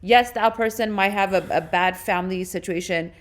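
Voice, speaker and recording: A young woman from Ethiopia co-hosting a casual dating podcast, blunt and quick to laugh. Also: medium pitch. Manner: laughs often, animated, blunt. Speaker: podcast co-host. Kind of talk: casual chat.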